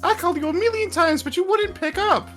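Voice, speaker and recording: Male streamer voicing a bubbly, sulky young woman sidekick, shrill squeal, game music behind. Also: fast, fairly bright tone. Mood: indignant.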